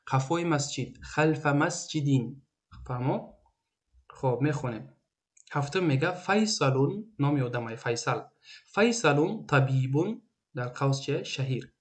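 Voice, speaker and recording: Patient Tajik man teaching Arabic grammar. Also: medium pitch. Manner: repeats each example sentence twice, then translates it; patient, explanatory. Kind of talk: recorded grammar lesson.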